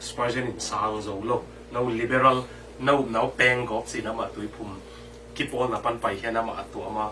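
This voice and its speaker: A man preaching a sermon with lively delivery, dropping English terms into his talk. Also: mid-range voice, fairly quick. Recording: distant mic with faint background noise.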